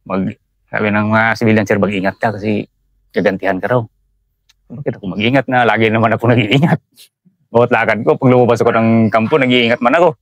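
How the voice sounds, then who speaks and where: A man's voice: mid-range voice, steady tone, fast talker, dry recording. A Filipino man, a Special Forces sergeant, telling a story in a casual interview and acting out the dialogue. He says "sir" again and again. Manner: peppers speech with "sir", acts out dialogue animatedly.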